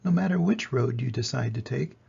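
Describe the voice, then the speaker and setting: Reading and explaining directly to young grandchildren, an older man uses a plainspoken storytime style. His gravelly, creaky, husky voice sits at medium pitch and sounds mellow and soft-edged, yet expressive and brisk, captured in lo-fi sound.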